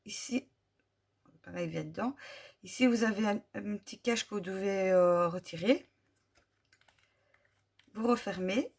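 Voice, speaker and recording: A French-accented woman talks through a craft haul in a slow, casual way. She reads out colour codes one by one and fills gaps with hesitant "euh" sounds. Her voice is soft and a little breathy, at a middle pitch. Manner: slow, careful listing of colour numbers with many fillers. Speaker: vlogger. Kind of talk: casual product review.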